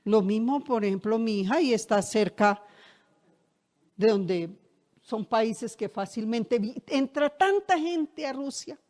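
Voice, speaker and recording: A woman's voice: a little high, animated, slow pace, darkish tone. A middle-aged woman pastor, preaching a sermon in a conversational way and asking the congregation rhetorical questions. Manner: conversational, shares personal anecdotes.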